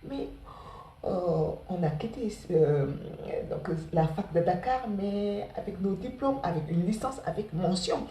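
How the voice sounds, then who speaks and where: A woman in her forties speaks with a Senegalese accent. She rattles along quickly, repeating words as her pitch swings up and down, in a mellow, warm tone. The sound is roomy, as if she sits away from the mic. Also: animated, recorded from a distance, slight background noise. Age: 40s. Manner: talks very fast, repeats words, many "voilà" fillers. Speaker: care assistant sharing her study path. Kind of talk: casual spoken testimony to students.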